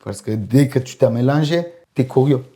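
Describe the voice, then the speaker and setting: A man from Romania, speaking in a casual podcast chat in a halting way, repeating words and using phrasing. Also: mid-range voice, dark tone. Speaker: podcast guest.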